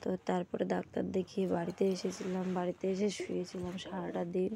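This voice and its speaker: A woman's voice: on the low side, flat delivery, quick pace, vocal fry, mellow, slight background noise. A young woman, talking in a casual daily vlog at home while she feels sick and has a sore throat. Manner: tired and unwell, talking through her day. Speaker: vlogger. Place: at home, indoors.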